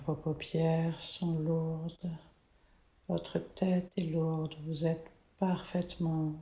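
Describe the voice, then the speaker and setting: A woman leading a guided relaxation meditation in a soothing, gentle, unhurried manner. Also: deep voice. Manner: soothing, slow, gentle spa-like delivery. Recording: echoey, reverberant room.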